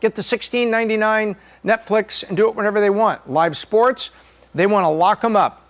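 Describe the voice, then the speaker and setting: Middle-aged guy hosting a podcast, talks through charts, jokey, pretty high voice. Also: normal speed. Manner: chatty and joking. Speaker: podcast host.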